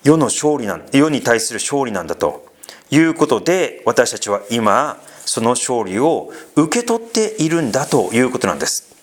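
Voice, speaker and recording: A man preaching a sermon as pastor, conversational and animated, with frequent fillers and asides to the congregation. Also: mid-range voice, normal speed.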